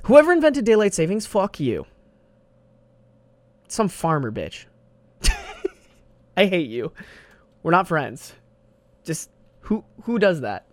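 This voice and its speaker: Speaking slowly and pausing often, a young man hosts a solo podcast with a high voice that swings hugely in pitch. The desk studio mic leaves no room sound. He rambles casually, heavy on slang and swearing, saying "bro" again and again.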